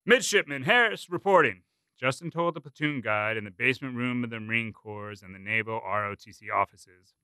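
A man narrating a written story in a measured, expressive reading style. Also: fairly low pitch, smooth, no echo. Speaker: story performer. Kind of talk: scripted narration.

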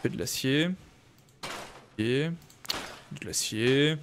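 A man's voice: medium pitch, very slow, background noise. A young man casually commenting on his game live, thinking aloud and answering viewers in chat. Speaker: streamer.

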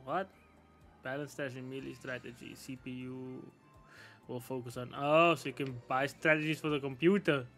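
A man's voice: mid-range voice, fairly even intonation, moderate pace, a bit bright, soft background music. A man casually commenting on a video game's menus, with slangy, laid-back talk and asides to chat. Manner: slangy, laid-back, thinks aloud with frequent laughs. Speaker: gaming YouTuber. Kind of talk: casual game walkthrough commentary.

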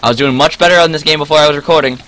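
Teen male gamer narrating his play, bright voice, easily frustrated, yelps and voice cracks. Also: on the high side, rapid-fire, low-quality recording. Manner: excitable, frustrated outbursts, voice cracks. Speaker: gaming channel host. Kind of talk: live gameplay commentary.

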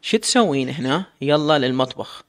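A man's voice: mid-range voice, lively intonation, fairly quick, close to an everyday voice. A man reading a bossy, scornful wife. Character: harsh bossy sheikh's wife.

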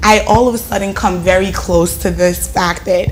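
A woman in her thirties, born in Ghana and raised in the United States with an American accent, appears as a talk-show guest and education reformer. She tells lively, animated stories at a moderate pace in a medium-pitched voice, often tossing in "right?" during the casual conversation. Recorded on a lapel mic on an indoor living-room studio set, the audio is rough with faint music behind.

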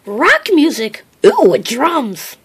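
A performer voicing excitable young cartoon bird kids in an improvised puppet show, with a drawn-out childish delivery. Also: sits high, husky, pitched above the performer's own voice, full character voice. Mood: thoughtful.

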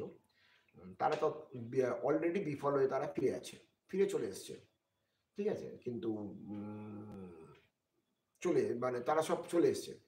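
A man telling a ghost story on a live stream in a slow, hesitant way, with many fillers and frequent checks with his viewers. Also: mid-range voice, darkish tone. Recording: echoey room with faint noise.

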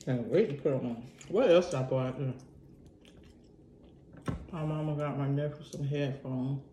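Una mujer que come y charla de forma relajada en un vlog, hablando con la boca llena mientras mastica. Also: female voice, a bass voice, slow, reverberant, slight background noise. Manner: relaxed, talks between bites with food sounds. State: mouth full, chewing. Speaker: mukbang vlogger. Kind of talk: casual eating vlog chat.

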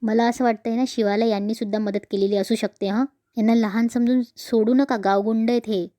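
A woman narrating a TV serial episode and reading every character's lines in the same steady voice. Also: brisk. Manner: even, steady retelling with little pitch change across characters. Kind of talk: retelling a TV serial episode, voicing all characters.

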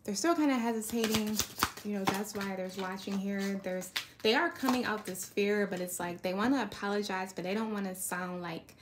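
Over some background noise, a woman with a mid-range voice reads tarot at a normal speed. Her delivery rambles in a chatty way, and she keeps looping the listener in with "right?" and "you know."

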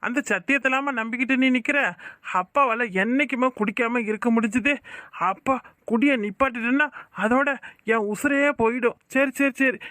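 A man's voice: very high voice, bright, forceful tone. A man voicing a drunk, scheming village father in a cartoon, with a southern Tamil Nadu accent, talking in a slurred, wheedling drawl. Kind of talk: cartoon voice acting.

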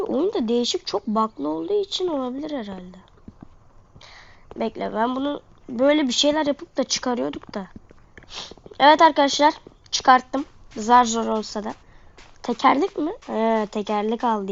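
A woman's voice: high voice, vocal fry. A woman with a congested, sniffly nose giving casual, slangy gameplay commentary to her viewers. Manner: slangy, talking to viewers while playing. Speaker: gaming video host. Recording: dull lo-fi microphone sound.

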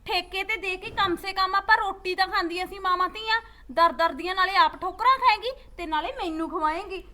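Woman doing a young punjabi daughter, high bright voice, accusing and teary. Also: brisk. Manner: pleading, accusing, tearful. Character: defiant young village woman, unmarried daughter. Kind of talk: village drama acting.

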